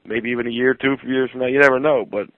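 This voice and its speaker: A blunt, profane man co-hosts a wrestling talk show, rattling off his takes quickly. His voice arrives thin and tinny, as if over a phone line. The sound is dry, with no room around it. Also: mid-range voice, steady tone, no room sound. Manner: blunt, profane, fast-talking. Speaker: radio co-host. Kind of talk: casual wrestling talk radio.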